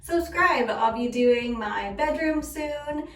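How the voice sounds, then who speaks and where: A woman vlogging a home makeover in a chatty, informal way, with a gushing, excited reveal delivery. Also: sits high, slow, distant mic, a little hiss or hum. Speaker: DIY vlogger. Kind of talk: casual home makeover vlog. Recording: echoey room.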